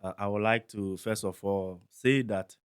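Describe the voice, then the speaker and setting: A man from Ghana, a parent and guest, explaining calmly with examples in a discussion. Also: on the low side, measured pace, smooth.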